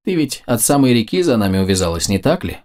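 A man's voice: lowish voice, sing-song, fast, darkish tone, pitched above the performer's own voice. A man voicing a sardonic, cocky male game character who teases and mocks. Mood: mocking. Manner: mocking, teasing.

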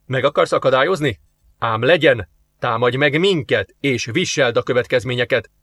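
A man's voice: mid-range voice, a bit bright, dry recording, natural voice. A man voicing a stern, hostile male alien warlord in an audiobook, talking in curt commands. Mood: coldly threatening.

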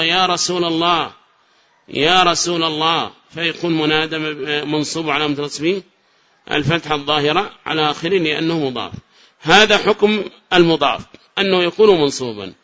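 A male sheikh from Yemen teaches a class, his voice bright and slightly raised in pitch. He quizzes his students and drills each example slowly and with weight, repeating it and commending good answers. The recording sounds dull and lo-fi.

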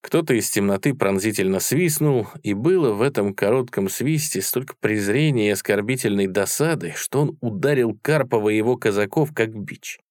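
A man reading a war novel aloud in steady, measured narration. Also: on the low side, no room sound, clean studio sound. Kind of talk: audiobook narration.

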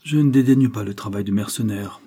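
A man's voice: lowish voice, a little fast, dark tone, husky. A male audiobook reader voicing a proud, hungry young sailor with an earnest, defensive manner.

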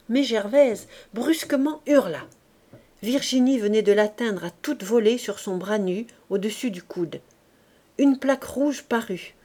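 A woman with a French accent reading a classic novel aloud as narration, raising her voice for the characters' shouts. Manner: acts out the characters' shouts with raised pitch and volume. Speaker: audiobook reader.

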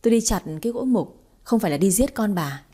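A woman reading aloud and voicing a hot-tempered young master who scolds his wife in a gruff, exasperated way. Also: mid-range voice, lively intonation, fast, mellow.

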